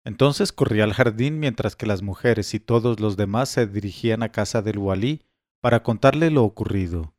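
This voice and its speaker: A man reading a classic tale as a storybook narrator, steady and measured. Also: on the low side, no echo, clean studio sound.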